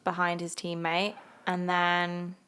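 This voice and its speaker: A young woman from the South of England co-hosting a casual sports podcast, teasing and quick to laugh. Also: on the low side, monotone, pushed and bright, smooth. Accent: Southern English. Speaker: podcast co-host. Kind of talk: casual chat.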